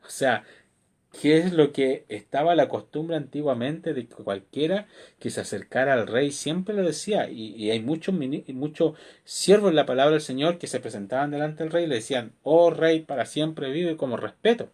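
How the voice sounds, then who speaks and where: A man preaching a devotional sermon as pastor, expressive and full of rhetorical questions. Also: a little high, moderate pace.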